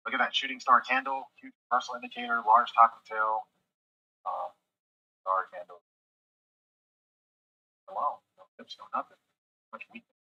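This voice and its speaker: A man's voice: mid-range voice, huge pitch swings, vocal fry, pushed and bright, breathy edge. Scratchy-voiced man narrating live trades. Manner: thinks aloud in quick half-muttered remarks. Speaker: day-trading livestream host. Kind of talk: live trading commentary. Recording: dull lo-fi sound.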